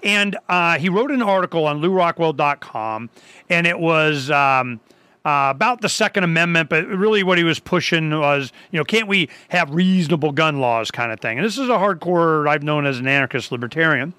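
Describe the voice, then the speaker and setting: A man's voice: on the high side, animated, moderate pace, bright, forceful tone, no room sound. A man hosting a talk show, chatting casually and rambling, with many restarts and quoted asides. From Arizona. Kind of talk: casual chat.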